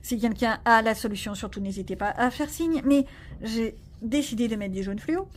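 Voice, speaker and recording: A woman's voice: fairly high pitch, moderate pace, slight background noise. A woman vlogging casually about her coloring pages, rambling and joking at herself with lots of fillers. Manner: chatty, rambling, self-mocking, many fillers. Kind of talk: casual chat.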